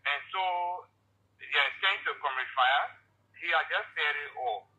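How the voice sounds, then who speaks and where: A man's voice: on the high side, measured pace, sharp tone. A man, calling a radio show by phone while he drives. He argues earnestly and stumbles into repeated restarts. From Liberia. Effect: calling in by phone while driving a car. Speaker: radio call-in caller. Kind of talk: call-in commentary. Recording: muffled phone line from a car.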